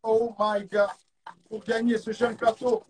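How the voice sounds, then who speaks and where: A Frenchman with a high, level voice hosts a live stream quiz at an unhurried pace, though he's clearly hyped, repeating catchphrases and tossing in English exclamations. The audio comes through a phone or webcam, with slight background noise.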